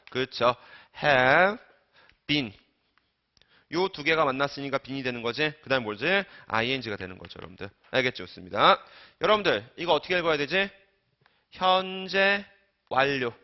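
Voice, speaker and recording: A man's voice: mid-range voice, lively intonation, fast. Guy teaching grammar, keeps asking then answering himself, bouncy voice, kinda muffled lo-fi recording. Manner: coaxing, asks and answers his own questions; trails off quietly at ends of phrases. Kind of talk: recorded online lecture. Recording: dull lo-fi lecture recording.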